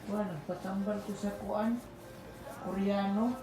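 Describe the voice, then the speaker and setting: A man's voice: sits high, fairly even intonation, moderate pace. A man, a patient giving short polite answers to his therapist. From Philippines. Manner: short polite replies, says sir often. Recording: echoey room with music playing.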